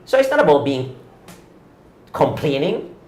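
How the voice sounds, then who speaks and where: A man in his fifties hosts a cycling podcast, ranting with indignation and hammering his points home through repeated rhetorical questions. His voice is a little high and sing-song, with a darkish tone and an unhurried delivery. The sound is roomy.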